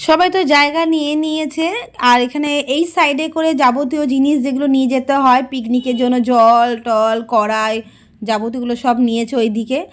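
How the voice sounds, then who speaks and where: High-voiced woman musing in a vlog. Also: brisk. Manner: relaxed, musing commentary. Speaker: vlogger. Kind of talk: casual vlog narration.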